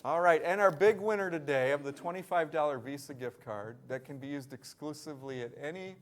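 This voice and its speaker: A man with a slightly high voice delivers live school morning announcements. He is upbeat and rattles off long lists of names, breaking into bursts of excitement between them. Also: a little fast, a little hiss or hum.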